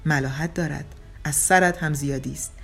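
A woman's voice: low voice, fairly even intonation, creaky, a bit bright, slightly rough, faint music behind, full character voice. A woman voicing a blunt middle-aged woman. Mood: frank dry. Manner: frank, dry, matter-of-fact. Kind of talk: audiobook character reading.

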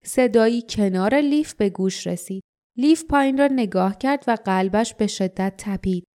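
A woman reading an audiobook aloud in a calm, even narration. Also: mid-range voice. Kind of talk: scripted narration.

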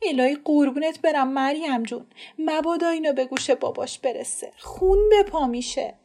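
A frantic older woman in a storybook, forever fretting and lamenting, as a woman reads her aloud. Her voice rides up high above the reader's own. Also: warm tone. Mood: pleading. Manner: fretful, lamenting. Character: frantic older woman, anxious about disgrace.

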